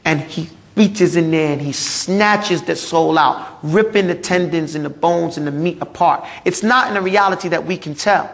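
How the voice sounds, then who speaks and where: A man preaching a sermon, telling it dramatically and vividly, acting out cries and shouts with big swings in his voice. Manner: vivid, emphatic delivery with big pitch swings.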